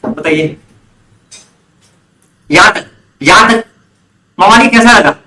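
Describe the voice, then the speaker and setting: A man's voice: high voice, takes it slowly, pushed and bright, roomy sound, low-quality recording. A man teaching an online commerce class, often quizzing students and repeating key terms. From India. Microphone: online class recording.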